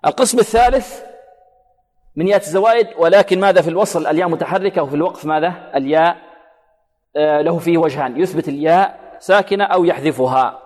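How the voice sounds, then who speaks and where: A man teaching Quran recitation, quizzing listeners with questions and repeating words slowly to model pronunciation. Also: fairly high pitch, darkish tone. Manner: quizzes listeners with prompt questions, then answers. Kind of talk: recitation lesson with recited examples. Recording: long hall reverb.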